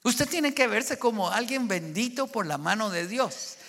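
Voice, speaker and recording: A middle-aged male pastor delivers an impassioned sermon, his very high, bright voice climbing toward shouts. The sound carries the long reverb of a large hall. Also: expressive, unhurried, vocal fry. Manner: impassioned preaching, rising to shouts.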